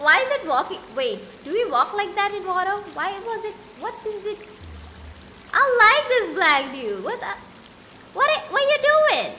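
A woman's voice: high voice, sharp tone, slight background noise. A woman streaming a game live, chatting casually and giggling with her viewers.

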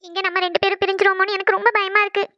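A woman's voice: extremely high pitch, flat delivery, rapid-fire, highs cut off. A woman voicing an anxious young woman in a cartoon who pleads through tears. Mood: fearful. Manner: pleading, tearful. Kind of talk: cartoon voice acting.

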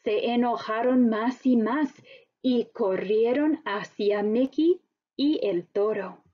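A woman teacher narrating a story slowly and expressively for language learners. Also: on the high side, lo-fi sound. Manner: very slow, deliberate, expressive storytelling.

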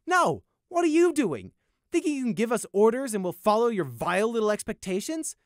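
A man voicing a brash, righteous male unicorn guard in an audiobook, cocky and quick to indignation. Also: high-pitched, expressive, dry recording, studio quality, pitched above the performer's own voice. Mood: outraged.

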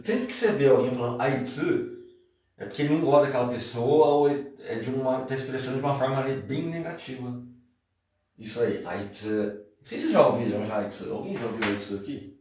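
A man's voice: medium pitch, darkish tone. A man giving a casual, slangy, jokey Japanese lesson on a live stream. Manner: chatty, slangy, jokey explanations. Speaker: Japanese teacher. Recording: very echoey room, distant mic.

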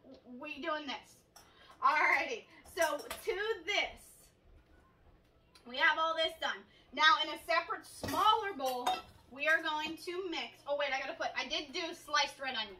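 A woman's voice: high-pitched, unhurried, sharp tone, slight background noise. A woman in her thirties hosting a casual home cooking show, chatty and upbeat as she walks through each step in her kitchen. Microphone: camera across the kitchen counter. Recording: echoey kitchen from a distance.

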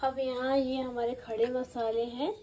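A woman's voice: sits high, flat delivery, a little slow. A woman cooking in her home kitchen, chatting step by step as she explains a recipe to the phone camera. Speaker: cooking vlogger. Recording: noisy home phone recording.

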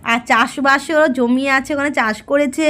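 A middle-aged woman narrates a casual vlog. She speaks in a relaxed, musing way, and her voice sits high. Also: normal speed. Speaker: vlogger.

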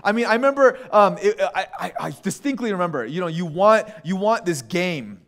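A man preaching a sermon in a conversational, animated way, with quick restarts and acted asides. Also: high voice. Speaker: pastor.

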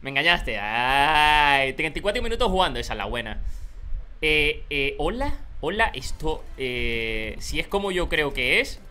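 A young man with a Canary Islands Spanish accent, commentating his own gameplay live, swinging from calm muttering to loud shouting. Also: fairly high pitch, measured pace, a little hiss or hum. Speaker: gaming streamer.

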